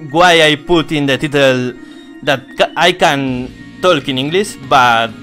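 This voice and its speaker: A man with a Spanish accent, a native Spanish speaker, giving casual gameplay commentary in halting English, swearing a lot and mocking himself. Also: on the high side, sharp tone, soft background music. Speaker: streamer.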